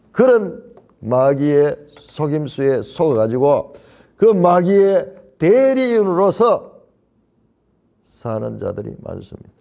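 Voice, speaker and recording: A man's voice: medium pitch, vocal fry, warm tone. A man preaching as a pastor in a Bible study sermon, stressing points by repeating key phrases. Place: church.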